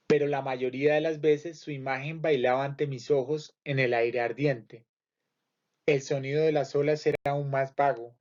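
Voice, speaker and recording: A man reading a literature lesson aloud in a measured way, going through lists item by item. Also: medium pitch, darkish tone. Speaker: literature teacher. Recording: muffled lo-fi recording.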